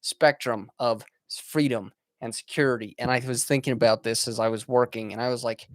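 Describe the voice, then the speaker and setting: A man in his twenties hosts a solo podcast, delivering a casual, motivational monologue earnestly to his listeners. His middle-pitched voice has a steady tone, and he often pauses on fillers and restarts sentences. The recording is dry and close with no room sound.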